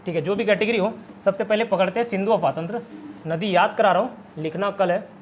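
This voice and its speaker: A high-pitched man with a Chhattisgarh Hindi accent teaches an online exam-prep class. He is chatty and keeps quizzing his students with memory tricks. The recording is dull and lo-fi, with a faint hiss behind him. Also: quick pace. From India. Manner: chatty, repeats "theek hai", quizzes students with mnemonics.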